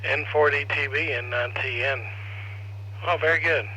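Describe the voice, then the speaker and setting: A man's voice: a little high, fairly even intonation, moderate pace, pushed and bright, poor audio. A man hosting a ham radio net as controller, casually calling for check-ins and passing turns. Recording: faint noise on radio net audio.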